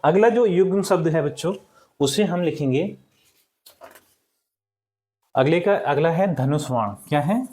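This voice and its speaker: A young adult male teacher giving a recorded lesson to schoolchildren, repeating each word slowly and checking in with the class after each point. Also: fairly high pitch, lively intonation, mellow. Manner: addresses the class as children, checks with "ठीक".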